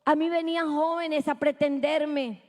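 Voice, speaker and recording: A Colombian woman giving a fervent church testimony, rising to shouts when she praises. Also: high-pitched, steady tone, unhurried. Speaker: testimony speaker.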